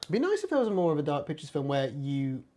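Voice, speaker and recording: A young man in his twenties, co-hosting a casual watch-along stream, chatty and quick to laugh, with some swearing. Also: fairly high pitch, huge pitch swings, warm tone. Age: 20s. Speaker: stream co-host.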